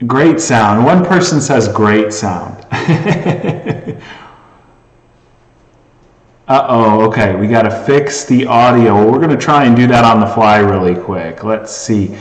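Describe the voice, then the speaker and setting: A man's voice: mid-range voice, distant mic. A man hosting a casual live stream and chatting with viewers, his voice heavily echoing off a bare room. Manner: rambling, restarts and talks to chat. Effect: heavy echo from a bare room. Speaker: livestream host. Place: echoey room indoors. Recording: echoey room with long reverb.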